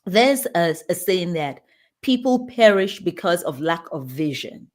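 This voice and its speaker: A woman's voice: on the low side, big pitch swings, unhurried. A woman from Nigeria, a pediatrician speaking as an interview guest about leadership, earnest and emphatic, often restarting her phrases. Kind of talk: conversational interview answers.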